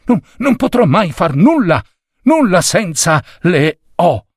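A breathless, stammering young print-shop boy, performed by a man in a storybook reading. His voice jumps high and tumbles over itself in a panic, in a dry, close recording. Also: wildly swooping pitch, measured pace, a bit bright, dry recording, heavily acted. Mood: panicked.

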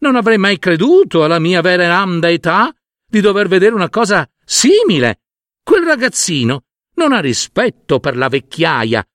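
A man's voice: high voice, sing-song, moderate pace, a bit bright, dry recording, studio quality, voice pushed up. A man voicing an indignant old village woman who scolds shrilly, in a spoken folk tale. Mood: scandalized.

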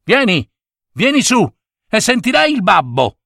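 A man voicing a mother who calls out from a balcony, high and teasing. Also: wildly swooping pitch, unhurried, creaky, pushed and bright, dry recording, clean studio sound, full character voice. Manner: high, calling out. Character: cheerful scolding mother, calling from balcony.

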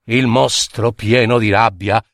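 A man reading a children's story aloud with lively, dramatic narration. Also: on the low side, unhurried, no room sound, clean studio sound.

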